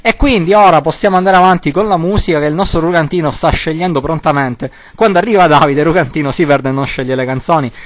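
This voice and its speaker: A male radio host trading dry, deadpan remarks in comedy show banter. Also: a little high, quick pace, few pauses.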